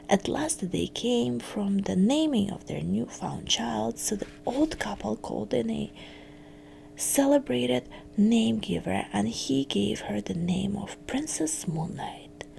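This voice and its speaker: In a slightly high, breathy and crackly whisper, a woman tells a fairytale ASMR-style, keeping her phrasing hushed and pausing gently.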